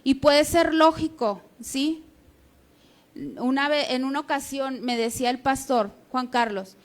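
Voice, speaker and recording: A woman preaching a sermon, in a conversational teaching manner that keeps checking in with the congregation. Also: sits high.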